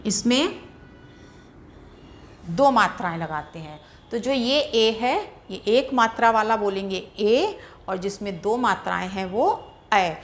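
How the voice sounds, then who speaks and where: A woman teaching grammar in a patient, deliberate way, sounding out syllables one by one. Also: mid-range voice, lively intonation. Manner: patient, repeats syllables slowly and drawn out for pronunciation. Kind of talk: slow, deliberate classroom explanation.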